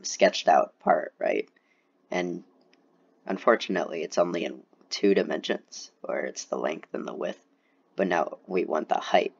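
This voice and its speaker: A man's voice: low voice, gravelly, husky. A young man who is a little sick, casually explaining a CAD tutorial over a screen recording, with lots of fillers. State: sick, slightly congested. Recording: dull, lo-fi voice recording.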